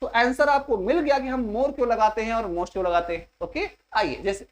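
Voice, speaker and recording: Higher-pitched woman quizzing an exam-prep class. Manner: keeps quizzing the class with rhetorical questions; slow and repetitive, spelling out each step. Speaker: English teacher. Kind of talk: coaching class lecture.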